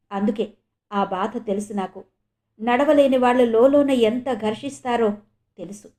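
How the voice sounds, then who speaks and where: A woman's voice: fairly high pitch, warm tone, lightly acted. A woman voicing a proud man who has regained his ability to walk, speaking in an earnest, reflective way.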